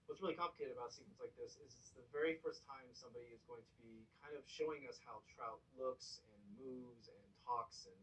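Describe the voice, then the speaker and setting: A man giving casual commentary as he introduces a pitch, relaxed and a little hesitant. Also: fairly quick, hardly any pauses. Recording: distant mic, faint background noise.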